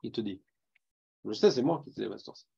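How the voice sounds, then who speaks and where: A man's voice: lowish voice, expressive, quick pace, gravelly, dark tone, slightly rough, highs cut off. A man with a Parisian accent teaching a Talmud class, putting questions to his students and mixing in Hebrew terms. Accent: Parisian French.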